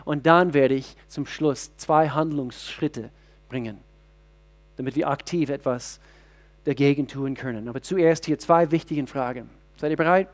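Middle-aged man as pastor; sermon delivery, fairly high voice, many halting restarts. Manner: searching restarts, rhetorical questions to the congregation.

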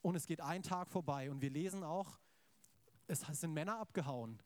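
Male preacher, fairly high voice, dry recording; relaxed storytelling sermon that keeps asking the listeners for agreement. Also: moderate pace, dry recording. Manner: casual, conversational storytelling of scripture.

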